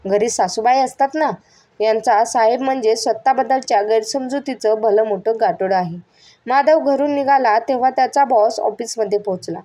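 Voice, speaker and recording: A woman reading a story aloud and voicing every character herself, expressive and lively. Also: on the high side.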